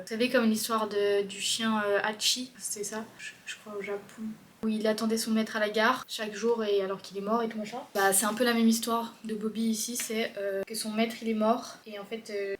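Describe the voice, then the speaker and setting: Brief: young woman, 20, casual vlogger, slightly high voice, rambling and filler-heavy, faint background hiss. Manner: chatty, rambling, many fillers like genre and euh. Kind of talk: casual vlog chat to camera. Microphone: handheld compact camera mic.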